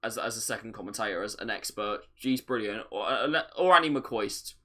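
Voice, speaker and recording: Bright-voiced man commentating on live football. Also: lowish voice, animated, normal speed. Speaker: football watch-along host. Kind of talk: live match commentary and chat.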